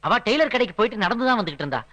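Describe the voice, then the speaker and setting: A man's voice: sits high, animated, very fast, sharp tone. An actor playing an eager young man who pleads earnestly with the family in a radio drama. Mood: pleading.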